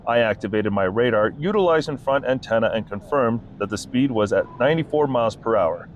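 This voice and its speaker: A man, a state trooper, reading his incident report aloud in a flat, formal, methodical way. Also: mid-range voice, fairly quick, slight background noise.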